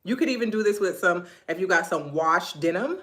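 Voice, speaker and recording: Lively Gullah Geechee woman, echoey room. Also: fairly low pitch, brisk. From Beaufort, South Carolina, USA. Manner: animated, chatty, teasing asides to her husband. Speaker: clothing brand owner hosting a live stream. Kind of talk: casual live-stream fashion chat.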